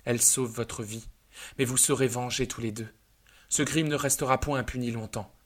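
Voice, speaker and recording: A man's voice: medium pitch, steady tone, normal speed, natural voice. A man reading out the speech of a dignified male cat who vows revenge, in a solemn, declamatory way.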